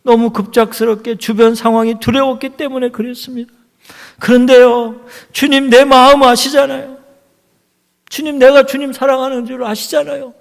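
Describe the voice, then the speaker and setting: A man's voice: extremely high pitch, fairly even intonation, moderate pace, vocal fry, voice pushed up. A male pastor acting out a remorseful grown man, a disciple, earnestly confessing and pleading for understanding, in a reverberant church hall.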